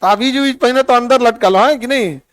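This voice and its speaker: A man's voice: very high-pitched, a little fast, fairly bright tone, no echo. A middle-aged man teaching a physics lesson in a classroom, quizzing and teasing his students by name.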